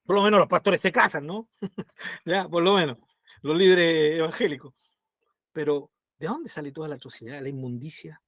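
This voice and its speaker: A man's voice: a little high, normal speed, no room sound, studio quality. A man with a Chilean accent teaching a Bible study in a conversational way, often checking in with his listeners and acting out little voices. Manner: animated, acts out voices.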